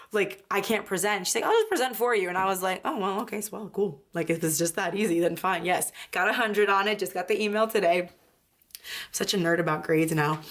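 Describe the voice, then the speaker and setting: A planner vlogger in her twenties, with a lowish, slightly bright voice, chats casually about her weeks during a planner flip-through. She's recovering from an illness and has partly lost her voice, and she rambles and corrects herself with lots of "like" and "um."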